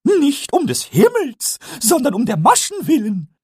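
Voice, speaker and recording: Pumuckl, a squeaky little kobold. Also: male voice, huge pitch swings, breathy edge, no echo, studio quality, exaggerated voice. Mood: gleeful. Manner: squeaky, rhyming, singsong and drawn-out. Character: cheeky little male kobold, mischievous and gleeful. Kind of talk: storybook reading.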